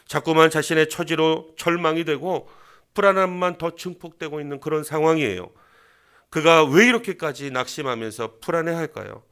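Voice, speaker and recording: A man's voice: a little high, normal speed, fairly bright tone, clear, resonant tone. A man preaching a Sunday sermon as pastor, earnest, often asking the congregation questions and acting out mocking voices. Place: church sanctuary.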